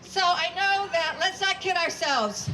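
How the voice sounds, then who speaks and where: A woman's voice: very high voice, measured pace, bright, forceful tone, slight background noise, poor audio. A woman giving an emphatic, rousing rally speech to a crowd, repeating phrases for effect. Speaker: rally speaker and community organizer.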